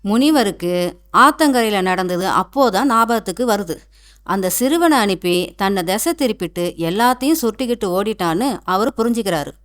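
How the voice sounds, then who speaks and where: A woman's voice: mid-range voice, lively intonation, normal speed. A woman narrating a cartoon folk tale in a storyteller's manner, with a Tamil accent.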